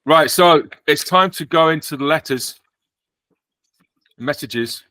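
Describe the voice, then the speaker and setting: A man's voice: on the high side, slow, bright, forceful tone, dry recording. A man with an English accent hosting a casual podcast chat, joking dryly and poking fun at himself. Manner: dry, joking, self-mocking. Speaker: podcast host.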